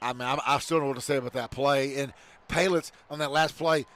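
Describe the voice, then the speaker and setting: A man calling high school football play-by-play, shouting on big plays. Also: fairly even intonation, fast talker. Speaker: play-by-play announcer.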